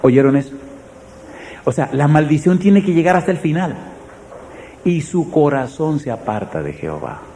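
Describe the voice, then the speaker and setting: A man preaching as a pastor, with a mellow, warm tone and a faint hiss of background noise. He tells his sermon as a story and puts direct questions to the congregation. His delivery swings from loud, pressing emphasis down to hushed, quiet lines. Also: a little high, animated, normal speed, pauses often.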